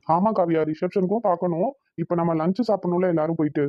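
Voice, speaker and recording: A woman voicing a gentle cartoon groom, slightly dull sound. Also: lowish voice, fast, dry recording, lightly acted. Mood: patient. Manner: calm, soothing, indulgent. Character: gentle young groom, patient and affectionate.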